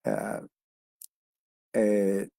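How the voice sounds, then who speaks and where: A man teaching from scripture in a relaxed, conversational sermon. He keeps checking in with his listeners through little tag questions and hesitates on fillers as he reworks his explanations. The sound is dry and close, with no room echo. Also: fairly low pitch, very slow, vocal fry. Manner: repeats and rephrases points while explaining. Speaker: preacher. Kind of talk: expository Bible teaching.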